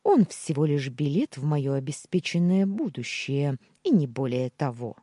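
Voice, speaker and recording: A woman acts out a bitter young wife of twenty-one in an audiobook, sharp and scornful as she hisses orders. The voice sits low and husky, with lively swings in pitch. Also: moderate pace, no room sound, studio quality, heavily acted. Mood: scheming, cool.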